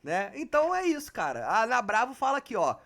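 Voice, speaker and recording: A man runs a live online exam prep class. His voice sits high for a man, and he talks in a loose, slangy way with plenty of swearing, calling his students "cara" and "galera". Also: wildly swooping pitch, a little fast, creaky, fairly bright tone.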